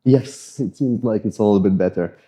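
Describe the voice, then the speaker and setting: His voice is on the low side, brisk, with a breathy edge, and carries an Eastern European accent. This fitness coach casually guides a follow-along mobility routine while still sweaty from a workout, joking about his tight muscles. He's relaxed, casual, and self-deprecating.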